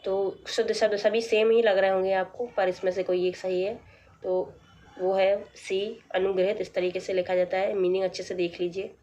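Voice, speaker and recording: A woman teacher going through a practice test, reading out each option and then explaining the right answer in a plain, measured way. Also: medium pitch, little pitch movement, warm tone. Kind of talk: exam practice lesson.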